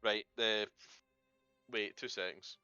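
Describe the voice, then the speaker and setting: A man's voice: fairly low pitch, steady tone, takes it slowly, sharp tone, smooth, no echo, dull audio, soft background music. A man running a tabletop game, thinking aloud and swearing casually. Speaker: game master.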